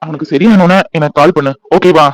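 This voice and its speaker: A kind, protective cartoon friend , voiced by a man, soothing and reassuring like a big brother. His voice sits a little high and moves quickly, in speech. The recording is dry and close. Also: dry recording, lightly acted, rough recording. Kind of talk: cartoon voice acting.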